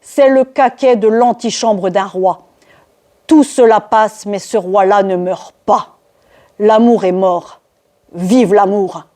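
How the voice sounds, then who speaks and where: A woman's voice: medium pitch, takes it slowly, dark tone, pitched below the performer's own voice, lightly acted. Woman voicing a gallant lovesick count. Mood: wistful. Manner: gallant, declamatory and impassioned. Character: ardent aristocratic man, a count courting. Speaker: reader of a play. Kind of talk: one-woman reading of a classic stage comedy.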